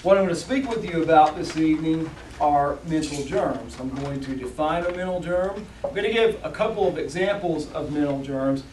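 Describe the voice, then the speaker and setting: A competition speaker with a fairly high, somewhat mellow voice gives a rehearsed motivational speech to a live audience indoors. He phrases things deliberately and emphatically, pausing for effect, while the distant mic captures an echoey room sound with faint background noise.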